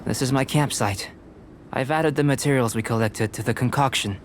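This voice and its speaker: A man voicing a calm, curious young male alchemist in a video game, with a measured, detached manner of musing aloud. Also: medium pitch, a little hiss or hum, close to an everyday voice. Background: game music.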